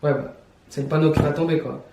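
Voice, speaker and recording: A man's voice: a little high, steady tone, quick pace, creaky, recorded from a distance, noisy background. A young man, chatting casually as he reacts to videos, laughing and repeating himself. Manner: chatty, laughs often, repeats phrases, slangy. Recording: roomy echo, voice set back from the mic.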